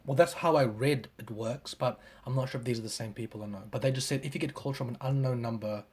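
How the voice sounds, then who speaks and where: A man's voice: medium pitch, quick pace, breathy edge. A man chatting casually as a podcast guest, laid-back, swearing freely and trailing off. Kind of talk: casual chat.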